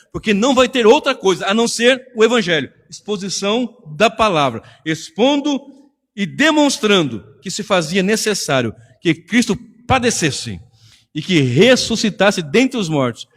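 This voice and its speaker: A man preaching in Brazilian-accented Portuguese, his pitch sitting a little high and leaping up and down with animated emphasis. He talks to the congregation directly and conversationally. A long church reverb trails behind every phrase. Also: normal speed. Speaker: pastor. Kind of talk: sermon. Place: church hall.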